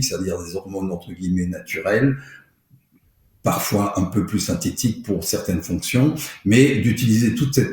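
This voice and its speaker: A man's voice: fairly low pitch, mellow, very echoey. A man from France, a doctor, explaining his work in an interview, with many fillers and restarts. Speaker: doctor, podcast guest.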